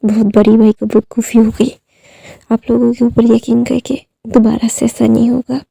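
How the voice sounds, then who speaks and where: A woman's voice: on the high side, little pitch movement, moderate pace, creaky, mellow, no echo. A woman voicing a stern, protective young man who scolds steadily and coldly. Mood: angry, stern.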